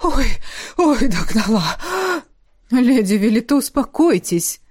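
A woman's voice: a little high, animated, takes it slowly, darkish tone. A woman voicing a breathless gnome woman who leads a craft guild and chatters nonstop. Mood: flustered.

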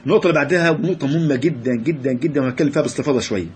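Fast-talking Egyptian man lecturing. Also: medium pitch, slight background noise. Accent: Egyptian Arabic. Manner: lively, repeats and restarts words, animated asides to the audience. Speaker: marriage lecturer. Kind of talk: religious marriage lecture to a class.

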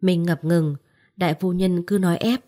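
Low-voiced woman narrating a story. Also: fairly even intonation, normal speed, warm tone. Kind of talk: scripted audiobook narration.

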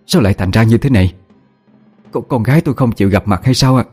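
A man's voice: mid-range voice, expressive, fast, a little mellow, husky, faint music behind. A man voicing a grieving middle-aged mother who pleads through tears. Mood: pleading. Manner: pleading, tearful.

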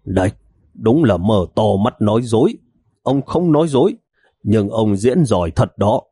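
A man's voice: on the low side, animated, normal speed, dark tone, slightly rough, no room sound, clean studio sound. A man voicing an annoyed male detective with a sarcastic manner.

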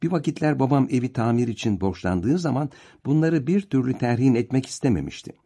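Man doing a wrecked young guy, strained, choked up, lively swings in pitch. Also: brisk. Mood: bitter. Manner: strained, choking with despair. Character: anguished desperate young man.

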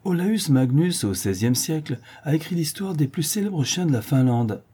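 A man playing a calm, learned young gentleman. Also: fairly high pitch, normal speed, breathy edge, pitched above the performer's own voice. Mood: assured. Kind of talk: audiobook reading.

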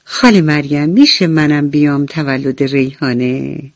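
A woman storyteller voicing a sweet, eager little girl in hospital, talking in a bright, quick, childlike way. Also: sits low, no echo. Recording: dull radio recording with faint music.

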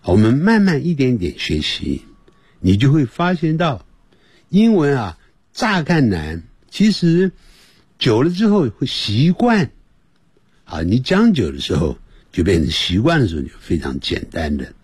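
Husky man teaching English on radio. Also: medium pitch, wildly swooping pitch, darkish tone, no echo, clean studio sound. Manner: explains patiently, repeats words slowly for pronunciation.

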